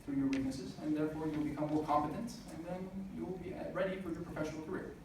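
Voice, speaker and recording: A man in his twenties, speaking at a student business event, delivers an earnest motivational message peppered with "uh." His voice is fairly high and quick. The recording is echoey, noisy, and made from a distance in a hall.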